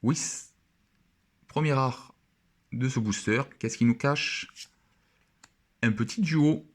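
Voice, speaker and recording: A man's voice: mid-range voice, slow pace. A young man chatting casually and with enthusiasm as he opens trading cards and admires each one. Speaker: card opening vlogger. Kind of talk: casual card-opening commentary.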